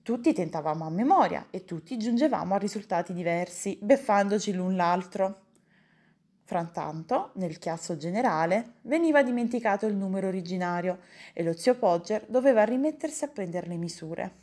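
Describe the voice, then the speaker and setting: Female audiobook narrator, even storytelling delivery, comic novel. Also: mid-range voice, moderate pace. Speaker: audiobook reader.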